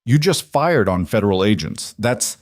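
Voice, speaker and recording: A man's voice: on the low side, lively intonation, normal speed, no room sound, clean studio sound, natural voice. A man voicing a corrupt male federal agent in an audiobook, speaking in a stiff, officious way. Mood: stern.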